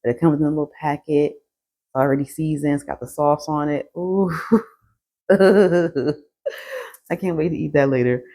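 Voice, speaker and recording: A woman's voice: sits low, steady tone, normal speed, pauses often, mellow, no room sound. A woman vlogger, chatting casually and laughing often, short of breath as she walks outdoors along a roadside sidewalk. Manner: chatty, laughs often, sighs between sentences. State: out of breath while walking. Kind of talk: casual chat.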